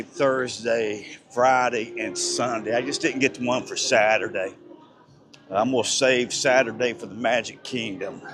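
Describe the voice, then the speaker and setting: Slow-talking excited man vlogging. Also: mid-range voice. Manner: excited, rambling, chatty with passersby. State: slightly breathless. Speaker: live-stream vlogger. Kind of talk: casual walking live-stream chat. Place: outdoor theme park at night.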